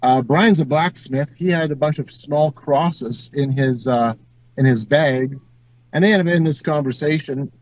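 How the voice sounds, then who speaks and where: A man speaks as a field reporter in an informal live report, explaining the scene haltingly. His voice sits a little high for a man. It comes through a dull, lo-fi remote call with very little room sound. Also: dry recording. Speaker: on-site correspondent.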